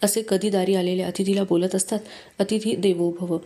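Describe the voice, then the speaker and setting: A woman's voice: mid-range voice, little pitch movement, a little fast, warm tone, lightly acted. A woman doing an earnest, kind housewife. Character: kind, childless housewife, tender and firm.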